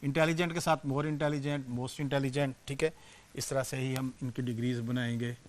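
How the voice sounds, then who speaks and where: A man's voice: mid-range voice, level tone. A man teaching English grammar to students, explaining step by step and checking in often with questions. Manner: volume rises and falls sharply, slows to stress example sentences. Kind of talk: classroom grammar lecture.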